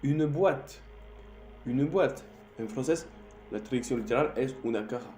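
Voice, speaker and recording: A man's voice: mid-range voice, dark tone, a little hiss or hum. Man teaching slang in Spanish. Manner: non-native Spanish, repeats words slowly to drill them. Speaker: French teacher. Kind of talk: slang vocabulary lesson. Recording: roomy echo, faint music.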